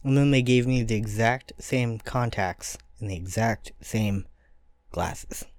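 A man's voice: on the low side, slow pace, darkish tone, no echo. A man co-hosting a podcast, casually chatting and reading out facts in an easygoing, matter-of-fact way. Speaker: podcast co-host. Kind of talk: casual chat, reading research notes.

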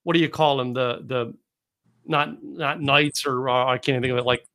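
A man's voice: medium pitch, steady tone, moderate pace, sharp tone. A man hosting a podcast interview, chatting casually and rambling through stories with restarts and chuckles. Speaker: podcast host. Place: Dallas area.

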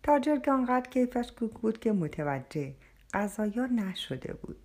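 A woman's voice: fairly high pitch, sing-song, warm tone. A woman narrating an audiobook in the first person, telling the story expressively.

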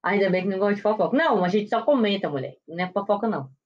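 A woman's voice: mid-range voice, lively intonation, racing, dull audio. A woman hosting a casual gossip chat, chatty and dramatic, with exclamatory asides. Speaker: gossip show host.

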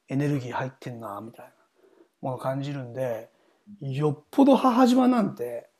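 A man's voice: medium pitch, darkish tone. A middle-aged man hosting a podcast, speaking in a chatty, informal way as interviewer and narrator. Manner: chatty, informal, seeks agreement often. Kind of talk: casual interview chat and programme narration.

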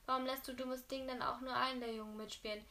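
A woman's voice: high voice, flat delivery, quick pace, sharp tone. A woman voicing a haughty mistress of the house who scolds her servants indignantly. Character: haughty, shrill lady of the house.

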